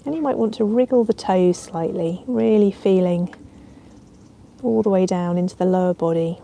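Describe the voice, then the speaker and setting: Her voice is mid-range and creaky as this yoga nidra teacher leads a guided relaxation. She speaks gently and unhurriedly in a soothing way, with ambient sound in the background.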